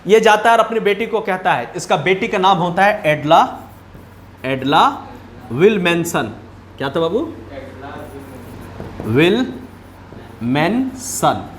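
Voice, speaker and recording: A man's voice: high voice, expressive, a little slow, a bit bright, echoey room, slight background noise. A man teaching a class, retelling a story in a chatty way and often asking whether the students follow. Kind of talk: storytelling lesson retelling a chapter.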